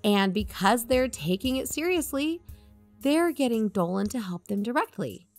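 In this conversational audio drama, a woman plays a self-assured fictional podcast co-host, reasoning and questioning with firm, challenging persuasion. Her voice is fairly high, expressive, and darkish in tone at a normal speed, with faint music behind.

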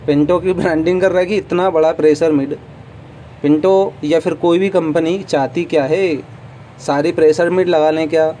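A man with a slightly high, mellow voice chats to his viewers as he tours an expo stall, giving blunt opinions along the way. He is recorded on a handheld phone. Faint hall noise stays under his voice. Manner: chatty, addresses viewers as friends, opinionated asides. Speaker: vlogger touring a trade show stall. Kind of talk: casual walkthrough vlog. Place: busy indoor trade show hall. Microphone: phone camera held while walking.

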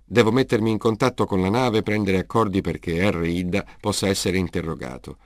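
A man voicing a polite, logical humanoid male robot in an audiobook, speaking in a measured, reasoning way. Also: low voice, no echo, clean studio sound, lightly acted. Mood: courteous. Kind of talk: audiobook character reading.

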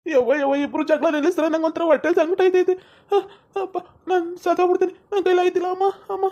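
Lady doing a whiny sick village husband, high flat moaning voice, quick. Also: highs cut off. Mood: groaning. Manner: moaning, pleading, drawn-out complaints. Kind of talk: village comedy skit.

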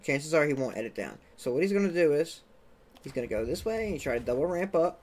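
A young man giving a casual gameplay walkthrough as the channel's creator, chatty, often checking in with "okay?" and adding "boom" sound effects. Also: sing-song, quick pace, darkish tone. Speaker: gaming tutorial creator.

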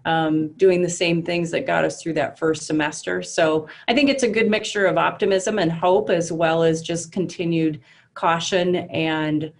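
A woman's voice: fairly low pitch, steady tone, moderate pace. A middle-aged woman school superintendent speaking thoughtfully on a video call from her office, with some hesitation. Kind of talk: remote interview. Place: office with bookshelves.

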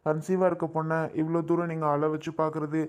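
A man's voice: fairly high pitch, completely flat delivery, quick pace, close to an everyday voice. A man playing a young husband who firmly stands up for his pregnant wife against her mother in a drama skit. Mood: reproachful. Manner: firm, reproachful.

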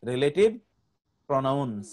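A man's voice: medium pitch, expressive, moderate pace. A man teaching an online grammar class, patiently repeating word lists for students to memorize.

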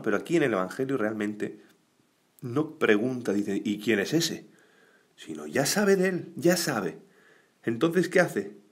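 A priest giving a weekday homily in a conversational way, often adding tag questions and acting out the voices of the people in the story. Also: male voice, lowish voice.

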